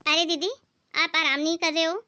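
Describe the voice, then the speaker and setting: A woman's voice: very high-pitched, flat delivery, moderate pace, pushed and bright, a little hiss or hum. A woman voicing a meek young daughter-in-law who talks politely and pleadingly in a cartoon story.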